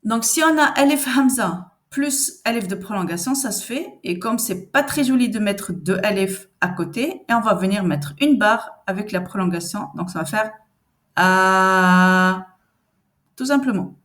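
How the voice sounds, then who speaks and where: A woman teaching reading in a patient, conversational way, repeating sounds and syllables slowly and answering the questions she expects from learners. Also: mid-range voice, animated. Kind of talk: step-by-step reading lesson.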